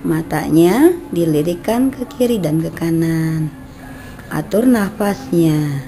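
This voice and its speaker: A woman guiding children through brain gym exercises with slow, patient step-by-step instructions, recorded on a camera mic on an outdoor veranda. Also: low-pitched, mellow.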